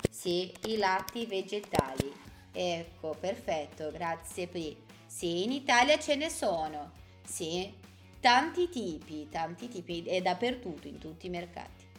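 A woman teaching a language lesson live, drawing out her words at a slow, careful pace. She repeats each word distinctly for her learners and slips into chatty, joking asides to the audience. Faint music plays softly behind her. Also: on the low side, lively intonation. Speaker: Italian teacher. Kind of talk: live online language lesson, reading viewer comments.

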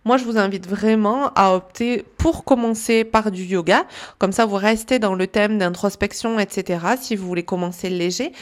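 A woman wellness coach giving casual spoken advice to listeners, chatty and full of pauses with "euh" and "hop". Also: mid-range voice.

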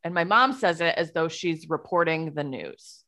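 A woman's voice: sits low, expressive, normal speed, sharp tone. A woman podcast host and life coach talking through an idea in a casual monologue, often checking in with "okay?" and "right?". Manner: explanatory, frequent "okay?" and "right?" check-ins.

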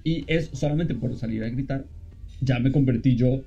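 Male podcast co-host: deep-toned, husky storyteller, laughs often, faint music behind. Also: moderate pace, dull audio. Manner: storytelling, laughs often, rising pitch when excited. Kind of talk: casual chat.

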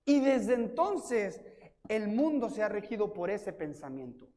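A Mexican man with a Mexican accent preaches a sermon as a pastor in a church, his high voice unhurried as he tells self-mocking stories and acts out quotes with lively energy. The recording carries the reverberation of the church hall.

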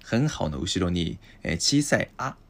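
A male language teacher on a podcast lesson, explaining slowly with many hesitations and restarts. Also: deep voice, sing-song.

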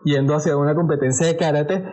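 A man with a Venezuelan Spanish accent chats casually, telling stories with animated delivery and acting out other people's voices. He speaks fast, at a fairly high pitch.

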